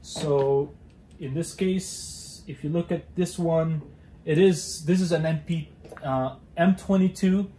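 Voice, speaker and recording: A man's voice: fairly high pitch, takes it slowly, warm tone, roomy sound, a little hiss or hum. A young man hosting a casual how-to demonstration, talking hesitantly with many fillers and restarts while he works with his hands in a cluttered garage. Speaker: DIY car channel host.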